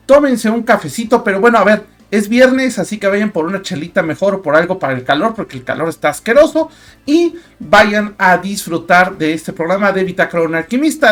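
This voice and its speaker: A young man with a Mexican Spanish accent hosting a casual talk show, chatty and full of fillers and restarts. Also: high voice. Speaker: host.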